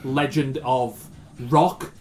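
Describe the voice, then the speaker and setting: A man runs a tabletop game session as its game master. He narrates in a loose, meandering way and often stops to hunt for the next word. His voice sits at an ordinary pitch for a man. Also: fairly even intonation, drawn-out words, darkish tone. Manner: meandering, searches for words often.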